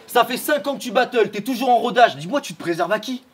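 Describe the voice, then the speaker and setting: A man's voice: very high voice, animated, quick pace, heavy background noise. A man battle-rapping a cappella at a live event, mocking his opponent with punchlines. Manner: mocking, punchline-heavy delivery. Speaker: battle rapper. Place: live event before a crowd.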